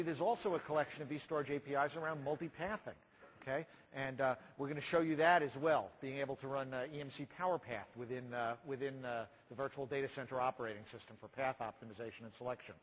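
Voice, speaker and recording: A man in his forties giving a measured, explanatory keynote talk on a large conference stage, pausing often with "uh". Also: medium pitch, breathy edge, poor audio. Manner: measured, explanatory, frequent uh fillers. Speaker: keynote presenter.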